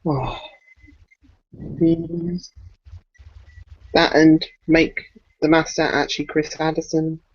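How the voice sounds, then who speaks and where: A co-host of a fan podcast, animated and opinionated, quick to complain. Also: medium pitch, dry recording. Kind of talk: casual fan chat, ranting. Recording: dull lo-fi dry recording.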